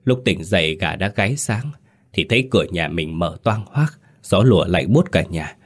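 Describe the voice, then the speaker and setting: Man doing a tough farmer dad, shaken and stammering, deep voice. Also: lively intonation, moderate pace, husky. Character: sturdy farmer father, shaken with fear.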